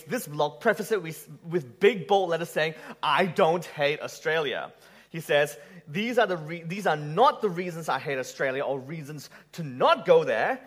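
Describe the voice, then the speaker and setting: A preacher who grew up in Malaysia gives a sermon in a church hall, his fairly high, slightly bright voice swinging widely in pitch. He keeps things conversational rather than formal, joking and asking the congregation questions.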